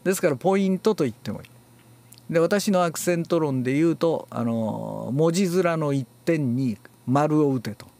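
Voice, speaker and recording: A male announcing teacher lectures in an unhurried, explanatory way, with frequent filler pauses between phrases. His voice is on the high side and gravelly, and his pitch rises and falls widely as he leans hard on key words. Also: expressive, mellow. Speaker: announcing and reading instructor. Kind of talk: spoken lecture on speech theory.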